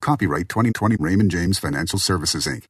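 Low raspy guy reading out a legal disclaimer, formal and nonstop, really dry sound. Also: fast talker, no room sound. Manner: formal, unbroken reading of legal fine print. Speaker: disclaimer announcer. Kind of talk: scripted legal disclaimer read.

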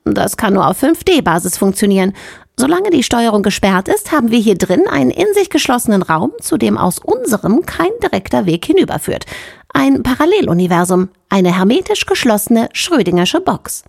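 A woman reading an audiobook, voicing a sharp-witted female chief engineer with a brisk, cocky manner. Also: on the high side, sing-song, creaky, slightly rough, no echo, clean studio sound, pitched above the performer's own voice, heavily acted. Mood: explaining. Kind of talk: audiobook character voice.

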